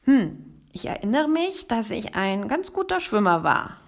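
A woman's voice: fairly high pitch, big pitch swings, unhurried. A woman voicing a stubborn, brave frog in a spoken storybook tale, with determined self-encouragement. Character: stubborn, brave frog who keeps going.

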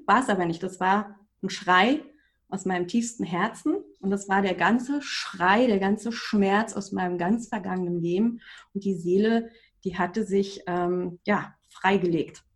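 As a guest on a podcast, a forties-aged coach and trainer tells her life story in a vivid, forceful manner. Her pitch is medium.

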